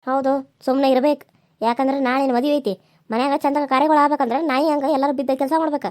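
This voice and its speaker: A woman voicing a sharp-tongued, scheming older village mother-in-law in a cartoon serial. She speaks with a North Karnataka accent. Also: steady tone, no echo, clean studio sound, close to an everyday voice. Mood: scolding. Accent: North Karnataka Kannada. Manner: scolding, rapid, shrill. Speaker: voice actor.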